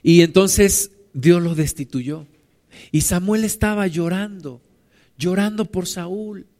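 A man preaching a sermon as a pastor, dropping to a hush and then rising loud. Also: high voice, slow pace. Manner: dramatic, swings between hushed and loud.

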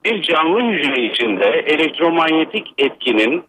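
A man from Bursa, an electrical engineer, calling a radio show over a landline phone and explaining in a measured, lecturing way with many hesitant fillers. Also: fairly high pitch, very animated, fairly bright tone, husky. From Bursa, Turkey. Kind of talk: explanatory call-in commentary. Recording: dull lo-fi phone line.

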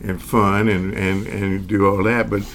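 In an interview, a man in his sixties with a fairly low, slightly bright voice tells relaxed stories about his years as a magician. His delivery is flat, hesitant and reflective, with many pauses, fillers and the odd chuckle. Faint background noise runs beneath the conversation.

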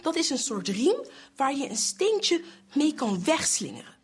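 A woman's voice: high voice, unhurried. A woman telling a children's Bible story, acting out the figures and singing bits. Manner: animated, acts out figures and sings.

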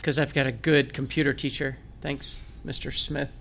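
A blind military veteran from Michigan, United States, appears as a guest in a conversational interview, telling his story with self-deprecating jokes in a Northern Michigan American accent. His gravelly, fairly bright voice is medium-pitched and flat, at normal speed.

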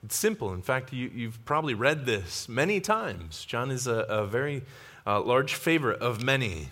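A man, a pastor, preaching a sermon in a church sanctuary, teaching in an animated way with frequent restarts and asides. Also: mid-range voice, normal speed.

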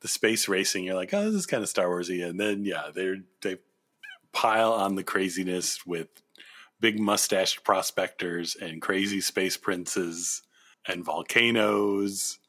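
A man's voice: low-pitched, steady tone, slow pace, bright, forceful tone. A man co-hosting a casual discussion show, chatting in a conversational way. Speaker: podcast host. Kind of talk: casual chat, pop-culture discussion.

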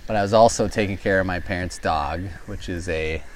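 A man with a fairly low voice tells a casual story while fishing from a boat outdoors. He rambles along, leaning on "like" and "you know," with faint background hiss. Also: brisk. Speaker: fishing guest who runs a tree service.

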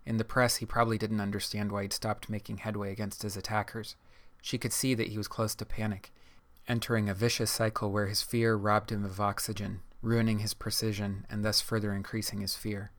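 A male audiobook narrator with a low voice. He reads in a measured, even way and keeps his pitch flat. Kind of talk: scripted narration.

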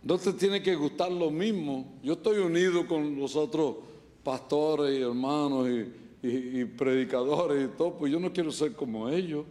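Joking Puerto Rican pastor preaching. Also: male voice, fairly high pitch, mellow. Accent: Puerto Rican Spanish. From Puerto Rico. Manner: joking, storytelling, quick asides. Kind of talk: humorous sermon. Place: church service.

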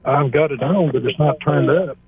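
A man calling in to a radio show over the phone, asking his question in a halting way with many pauses and restarts. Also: on the high side, vocal fry, slightly rough, no room sound. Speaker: caller. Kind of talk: call-in question to a radio doctor. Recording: tinny phone line, dry.

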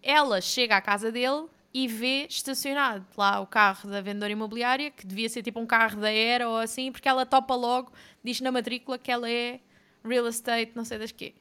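A young woman, co-hosting a casual book chat and recapping a plot in a mocking, animated way. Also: on the high side, fairly quick, clean tone. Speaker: podcast co-host.

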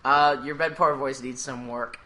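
A man co-hosting a podcast in casual chat, talking quickly with asides and mild swearing. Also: medium pitch, steady tone, pushed and bright. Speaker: podcast co-host.

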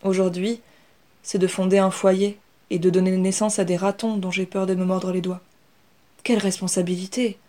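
A woman voicing Inès, a young female rat who speaks calmly and with assurance. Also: mid-range voice, moderate pace, lightly acted. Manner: calm, steady.

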